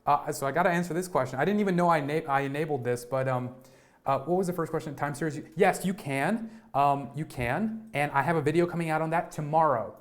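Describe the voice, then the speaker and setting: Live-streaming a tech lesson with lots of energy, a twenty-something man speaks fairly quickly in a slightly high voice. He frequently repeats himself and checks in with listeners using "right?" and "okay?".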